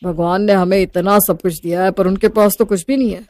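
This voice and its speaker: A woman playing a pious, calm older father-in-law who speaks in an earnest, measured way. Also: medium pitch, dry recording, lightly acted.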